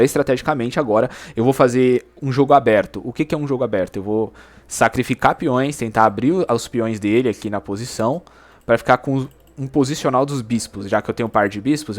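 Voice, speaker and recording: A man talking through his own chess game in slangy, animated commentary, often exclaiming at the moves. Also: medium pitch, fast. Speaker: chess YouTuber.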